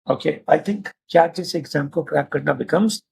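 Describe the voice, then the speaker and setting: Man, rough gravelly husky voice, slightly high, casual panel talk speaking to students. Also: unhurried, a little mellow. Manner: mixes Hindi with English phrases, addresses students directly. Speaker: host.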